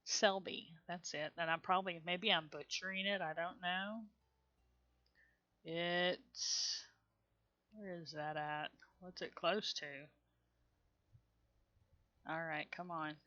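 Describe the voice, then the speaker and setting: A woman with a Southern accent rambles through a game stream in an unhurried drawl, muttering to herself as she goes. Her voice has a bright, forward edge, heard over a dull, lo-fi stream recording. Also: on the low side, steady tone. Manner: chatty, rambling, mutters to herself, laughs often. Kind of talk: casual gameplay commentary.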